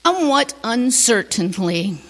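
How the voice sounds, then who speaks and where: Slow, gentle woman preacher in a church. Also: on the high side, big pitch swings, big-room sound. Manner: slow, gentle, drops to a near whisper on key lines. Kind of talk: sermon with storytelling.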